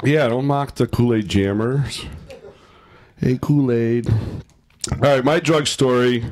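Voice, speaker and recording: A man's voice: mid-range voice, slow, a little mellow. A man starting a stand-up set at a house comedy show, laid-back and joking with the room. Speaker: stand-up comic.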